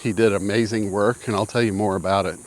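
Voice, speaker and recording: A man's voice: on the low side, steady tone, fast. A man in his sixties telling a personal story in a casual, rambling way, out of breath and often repeating himself. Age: 60s. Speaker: vlogger. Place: outdoors with mountains in view.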